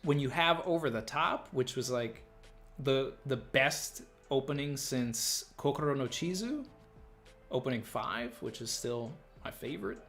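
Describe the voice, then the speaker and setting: A man's voice: mid-range voice, animated, unhurried, a bit bright, faint music behind. Upbeat man hosting a casual livestream. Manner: laughing, upbeat, reads chat aloud. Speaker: host.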